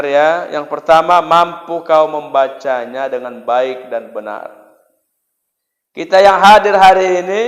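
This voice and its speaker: A man's voice: fairly high pitch, highs cut off. A male preacher giving a humorous sermon, acting out dialogues and chanting verses. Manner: lively, acts out dialogue, chants Quran verses. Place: mosque hall. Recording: echoey hall.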